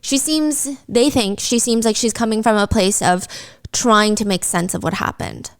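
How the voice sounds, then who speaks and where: A woman's voice: medium pitch, normal speed. Chatty woman telling a true-crime story. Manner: lively, acts out quotes in character. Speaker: podcast host.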